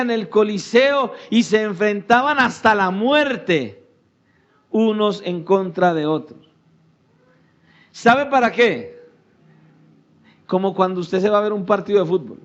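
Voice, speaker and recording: High-voiced preaching pastor, dull recording. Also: male voice. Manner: preaching with sudden shouted peaks and hushed low drops. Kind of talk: sermon.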